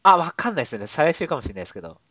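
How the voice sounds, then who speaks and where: A man's voice: a little high, very animated, rapid-fire, a bit bright, no echo. A man co-hosting a show in casual, polite comedic banter, teasing and laughing often. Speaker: radio show co-host.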